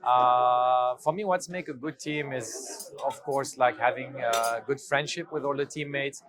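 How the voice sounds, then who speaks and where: A man speaks in a mid-pitched voice, friendly and pausing on uh fillers. Loud chatter and clinking dishes fill the space behind him. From Belgium. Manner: friendly, non-native phrasing with uh fillers. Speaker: racing team member.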